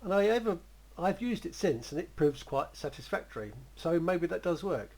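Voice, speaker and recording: A man talks through a creative writing exercise in a loose, rambling way and chuckles as he goes. His voice is husky and sits fairly high for a man. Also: big pitch swings, normal speed, darkish tone, low-quality recording. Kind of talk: spoken writing lesson.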